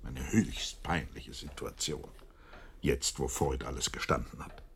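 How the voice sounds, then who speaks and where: An actor playing a loyal, shaken doctor in a German radio drama, speaking in a troubled, reflective, conversational way. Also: male voice, rumbling low, unhurried, creaky, fairly bright tone, a little hiss or hum, exaggerated voice. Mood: embarrassed, indignant. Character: loyal male doctor friend, shaken and indignant.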